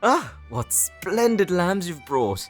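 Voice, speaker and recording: Flamboyant vampire count, gracious host, very animated pitch, audio drama, soft music behind. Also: male voice, slow pace, full character voice. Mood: gleeful. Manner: theatrical, effusive, aristocratic. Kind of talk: cinematic audio roleplay acting.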